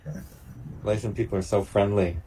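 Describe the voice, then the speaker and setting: A man's voice: fairly low pitch, steady tone, fast talker, dark tone, a little hiss or hum. A man, making small talk with eager interjections on a video call. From Canada. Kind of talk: casual video-call chat.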